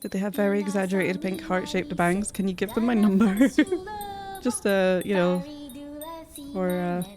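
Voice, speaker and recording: Woman streamer, playful and giggly, loose chat to viewers as she sketches, mid-pitched voice, music playing clearly underneath. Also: animated, unhurried. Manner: playful and giggly, chatting while drawing. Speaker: streamer sketching game characters. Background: music playing in the background.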